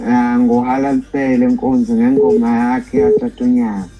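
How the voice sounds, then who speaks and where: A man's voice: medium pitch, flat delivery, moderate pace, mellow. Zulu-accented man phoning in over music. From South Africa. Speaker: fan calling in. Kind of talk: casual phone chat. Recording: phone call with music behind.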